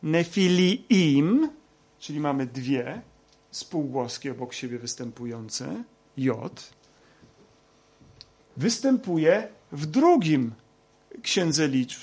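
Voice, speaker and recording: A man teaching a Bible lesson, talking slowly with many hesitations and fillers. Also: fairly high pitch, slightly rough. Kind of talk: lecture with slides.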